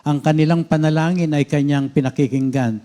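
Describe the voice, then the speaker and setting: Man, co-host, reads scripture evenly, mellow warm voice. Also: on the high side, a little fast. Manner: steady, reads verses aloud with references. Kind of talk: Bible teaching and scripture reading.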